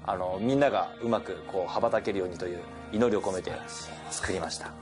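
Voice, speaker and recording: A man's voice: low voice, fast, music in the background. A young man casually explaining things on a TV show, expressively and phrase by phrase.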